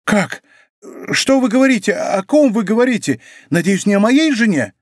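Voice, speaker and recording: A man's voice: high-pitched, sing-song, brisk, a little mellow, dry recording, clean studio sound, voice pushed up. A man voicing a frightened, fussy middle-aged shopkeeper who pleads and exclaims in an audiobook. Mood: agitated pleading. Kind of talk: audiobook character voice.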